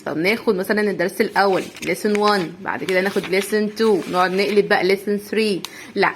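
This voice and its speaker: A woman's voice: on the high side, a little hiss or hum. A woman with an Egyptian Arabic accent teaching an English lesson to young children, stretching out and repeating each word again and again. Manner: slow, drawn-out drilling of each word, repeating sounds many times.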